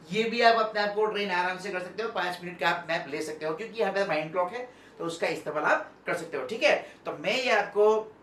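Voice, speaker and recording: A man giving a motivational talk to students. He is animated, moves between soft and loud speech on purpose, and keeps asking "okay?" to check in with his listeners. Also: high-pitched, a little hiss or hum. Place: indoor room, standing and moving about. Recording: echoey room, mic at a distance.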